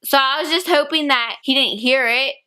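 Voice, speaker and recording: Young woman, high and bright, animated storytime vlogger who acts out the quotes. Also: normal speed. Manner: animated retelling with acted-out quotes. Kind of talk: storytime vlog.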